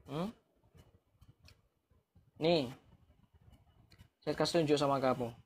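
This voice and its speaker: Speaking slowly in a fairly high-pitched voice, a man taunts viewers on a live stream. He challenges them with rhetorical questions and lets out mocking chuckles between points.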